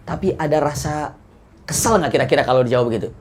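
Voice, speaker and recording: A young man, preaching a sermon as an animated storyteller who swings his pitch and loudness. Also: quick pace. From Indonesia. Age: young adult.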